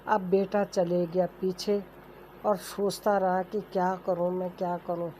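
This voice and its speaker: A woman's voice: on the low side, flat delivery, unhurried, warm tone, poor audio. A woman telling a family folk story in a plain, homely, conversational way. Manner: plain homely telling, voices characters lightly without changing voice. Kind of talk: casual oral storytelling. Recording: faint background noise.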